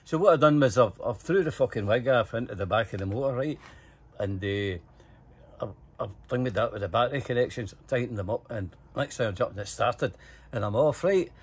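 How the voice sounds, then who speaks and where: Speaking fairly quickly in a husky, mid-range voice, this older man from Scotland swaps casual stories. He curses liberally and performs each line of dialogue with real animation.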